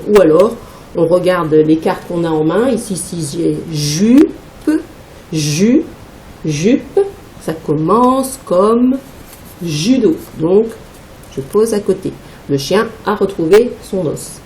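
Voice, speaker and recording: A woman's voice: medium pitch, dark tone, a little hiss or hum. Patient woman teacher in an echoey room. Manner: patient, slow, spelling out syllables. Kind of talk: instructional demonstration.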